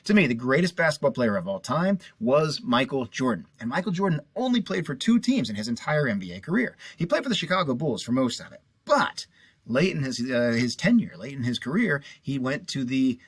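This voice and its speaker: A man's voice: mid-range voice, big pitch swings, brisk, slightly rough, no echo. A middle-aged man giving a chatty, casual lesson, repeating little memory rhymes. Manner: chatty, repeats mnemonic rhymes, lots of fillers. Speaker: teacher. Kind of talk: casual classroom lecture.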